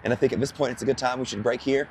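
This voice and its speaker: A hoarse man who is losing his voice, co-hosting outdoors at a charging station in a chatty, rambling way. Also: medium pitch, fairly even intonation, very fast, slight background noise. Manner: chatty, rambling, full of fillers. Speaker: co-host. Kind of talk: casual explanatory chat.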